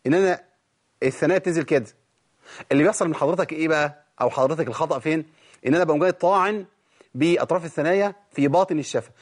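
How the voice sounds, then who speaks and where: Fast-talking Egyptian man teaching recitation. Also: on the high side. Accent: Egyptian Arabic. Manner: animated, demonstrating sounds with repeated examples. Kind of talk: tajweed lesson.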